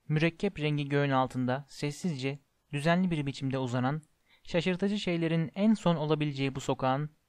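A man reading a storybook aloud in a measured way, slowing down for descriptive passages. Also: fairly high pitch, clear, resonant tone, dry recording. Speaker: audiobook narrator. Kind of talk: storybook narration.

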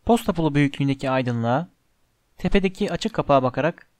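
A man reading a storybook aloud in a measured, steady way, close to the mic. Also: fairly high pitch, no room sound. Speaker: audiobook narrator. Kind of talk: storybook narration.

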